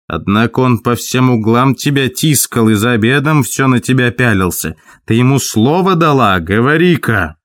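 A man voicing a gruff, suspicious rural farm master who badgers with hammering questions. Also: mid-range voice, expressive, moderate pace, few pauses, fairly bright tone, dry recording, studio quality, lightly acted.

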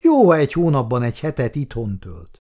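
A man reading aloud and voicing a raspy, glib male housing racketeer with a breezy, evasive manner. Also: mid-range voice, wildly swooping pitch, dark tone. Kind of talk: storybook reading.

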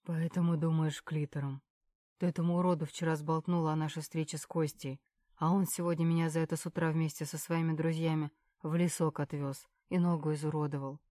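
A furious, injured middle-aged male boss spits curses at everyone around him, as a woman reader puts him on. The voice sits low and dark. The sound is close and dry. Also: level tone, fairly quick, dry recording, natural voice. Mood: enraged. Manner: yelling curses.

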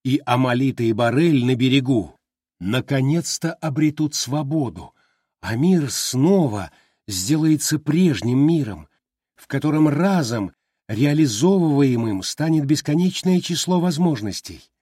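A man voicing a vast ancient sea creature who speaks slowly and insistently in a husky, booming voice. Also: expressive, mellow, dry recording, studio quality. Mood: solemn.

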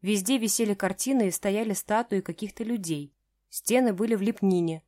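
A woman narrating a first-person romance audiobook in a measured, even way. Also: mid-range voice, dry recording, clean studio sound.

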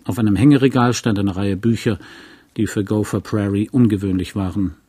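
Low, husky male narrator. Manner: calm, measured storytelling. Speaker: audiobook reader. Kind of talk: scripted literary narration.

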